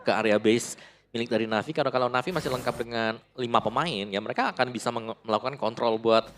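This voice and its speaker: A man's voice: medium pitch, fast talker, fairly bright tone, a little hiss or hum. An Indonesian man giving live commentary and analysis as an esports caster. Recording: music behind the voice. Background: music.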